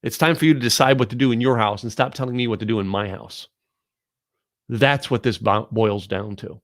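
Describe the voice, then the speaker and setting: Brisk and mid-range, a male podcast host delivers a preachy, blunt, emphatic monologue directly to camera, repeatedly addressing "ladies and gentlemen." It's captured on camera at studio quality without any room sound.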